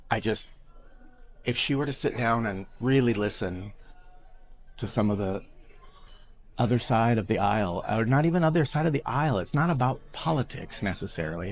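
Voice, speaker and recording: A middle-aged man from Iowa, a drag performer speaking openly and earnestly in an interview, sometimes halting and restarting. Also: lowish voice. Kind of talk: candid interview talk.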